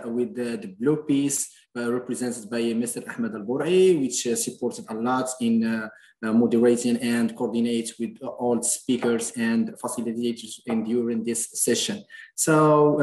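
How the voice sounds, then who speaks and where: Halting Moroccan man moderating online. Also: medium pitch, darkish tone, roomy sound, poor audio. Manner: halting, many restarts and fillers. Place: video call.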